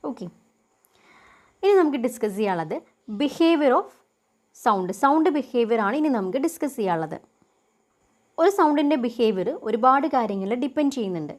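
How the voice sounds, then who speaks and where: A woman's voice: a little high, animated. Woman teacher quizzing herself aloud. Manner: asks and answers her own questions; reads English definitions slowly. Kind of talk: lecture explaining a topic.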